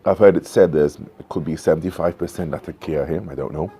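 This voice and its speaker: A man in his fifties chatting casually to camera outdoors, in an unhurried, musing manner with frequent pauses. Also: very deep voice, dark tone, husky. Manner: unhurried, musing, pausing often. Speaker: pipe tobacco reviewer. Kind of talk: casual vlog chat. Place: covered porch outdoors at night. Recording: noisy home-made outdoor recording.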